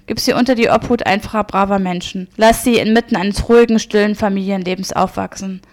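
A woman reading the lines of a dying young wife in an audiobook, soft, earnest and weary. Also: medium pitch, fairly even intonation, brisk, natural voice.

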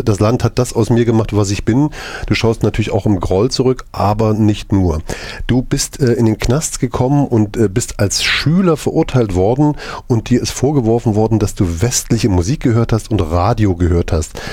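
A man's voice: on the low side, dark tone, dry recording. A man hosting a studio interview in a conversational radio style, recapping and asking questions informally. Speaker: interview host.

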